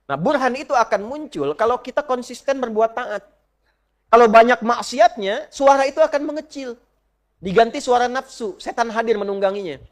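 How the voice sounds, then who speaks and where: A man preaches a sermon. He chants Arabic verses slowly and questions his listeners directly, swinging from emphatic peaks to soft asides. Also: very high voice, animated. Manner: asks the audience direct questions. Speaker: Islamic preacher.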